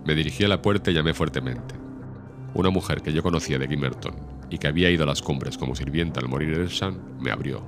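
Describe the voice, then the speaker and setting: A man narrating a classic novel as an audiobook in a steady, measured storytelling manner. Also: very deep voice. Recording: music behind the reading.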